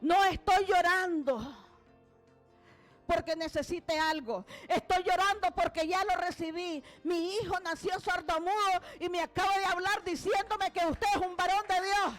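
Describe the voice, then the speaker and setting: A woman's voice: very high voice, measured pace, fairly bright tone, faint music behind, voice pushed up. A woman preacher voicing a grateful young mother who is sobbing with emotion. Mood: tearful.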